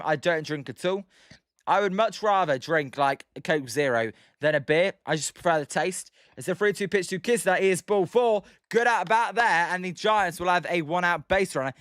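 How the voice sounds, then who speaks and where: Young british guy streaming a game, calls the pitches and chats w viewers, slightly high, smooth crisp voice. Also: sharp tone, dry recording, studio quality. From United Kingdom. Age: 20s. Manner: chatty, reads out viewers' names and answers them between pitch calls. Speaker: livestream host. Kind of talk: casual play-by-play with chat replies.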